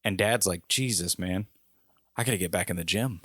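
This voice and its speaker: A low-pitched man on a casual podcast, spinning a story with animated gusto and jumping up in pitch whenever he quotes someone. The sound is dry and close, with no room around his voice. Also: moderate pace, no echo. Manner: animated storyteller, raising his voice when quoting people. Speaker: podcast co-host.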